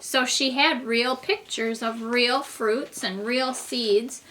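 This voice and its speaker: A woman's voice: fairly high pitch, slow pace, pushed and bright, slight background noise, low-quality recording. A woman teaching a reading lesson to young children, explaining things simply and patiently like a kindergarten teacher talking to little ones.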